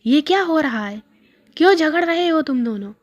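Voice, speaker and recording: A woman's voice: sits high, expressive, normal speed, pitched above the performer's own voice. A woman reading jokes, voicing a stern male police constable who scolds sharply. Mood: scolding.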